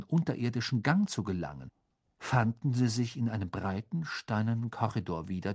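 A man narrating a children's fantasy audiobook with expressive, lively storytelling. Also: medium pitch.

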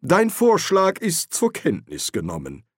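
Guy doing a bossy old head wizard, brisk orders, bit raised voice. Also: on the high side, wildly swooping pitch, breathy edge, no room sound, studio quality, pitched above the performer's own voice, full character voice. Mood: commanding. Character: bluff older male archchancellor, commanding.

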